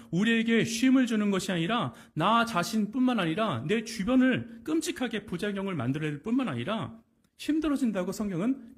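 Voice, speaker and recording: Animated high-voiced male preacher. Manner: animated preaching, acting out quoted pleas and rhetorical questions to the congregation. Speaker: pastor. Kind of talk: sermon. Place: church sanctuary.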